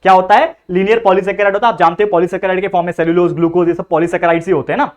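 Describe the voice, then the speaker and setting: Fast, high-voiced male tutor. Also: steady tone, muffled recording. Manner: asks rhetorical questions and answers them himself; mixes English terms into Hindi explanations. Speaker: biology tutor. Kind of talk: classroom lecture.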